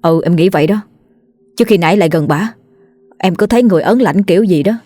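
Woman reading as a cautious village boy, quick talker, level-headed, lowish voice, ghost story. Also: mellow, no echo, faint music behind, natural voice. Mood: wary.

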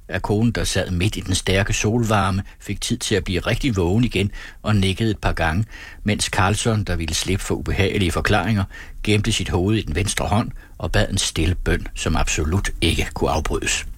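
A man narrating a story in a steady, measured audiobook reading. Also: deep voice, slightly rough, dry recording.

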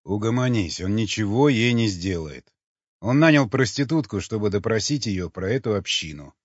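A man reading an audiobook, voicing a tired, gruff commander who grumbles wearily. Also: lowish voice, animated, normal speed, no room sound. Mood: weary. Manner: weary, grumbling. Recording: dull lo-fi recording.

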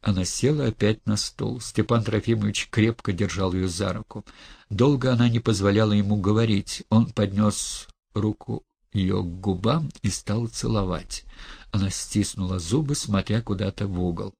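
A man narrating a classic novel in a measured, dramatic storytelling manner. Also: lowish voice, vocal fry, darkish tone, husky. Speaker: audiobook narrator. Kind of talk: literary audiobook narration.

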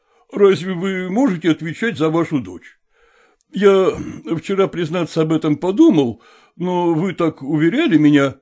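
A man voicing a polite, composed male professor who speaks courteously and calmly in a storybook reading. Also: fairly high pitch, normal speed. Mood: soothing. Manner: courteous, soothing.

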